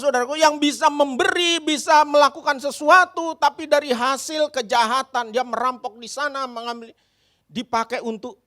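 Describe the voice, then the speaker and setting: High, bright-voiced animated preacher. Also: male voice. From Indonesia. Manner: animated and dramatic, addressing the congregation repeatedly. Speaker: pastor. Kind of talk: sermon.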